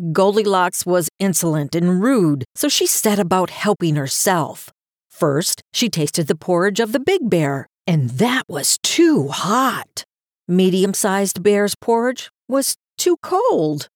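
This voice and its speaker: A woman narrating a fairy tale aloud in an expressive, sing-song storybook manner. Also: fairly low pitch, no room sound, studio quality.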